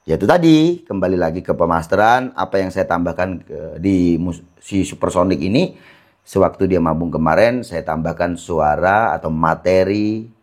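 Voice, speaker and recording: A man, casually explaining how to train songbirds, with a relaxed, chatty manner full of fillers. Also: low-pitched. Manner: relaxed and conversational, lots of fillers like "gitu ya". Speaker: songbird keeper giving training tips.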